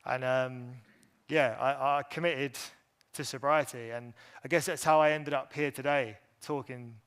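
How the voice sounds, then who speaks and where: A man telling his personal story to a conference audience, candid and halting, with many fillers and restarts. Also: medium pitch, steady tone, fairly bright tone, smooth. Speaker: speaker at an industry event.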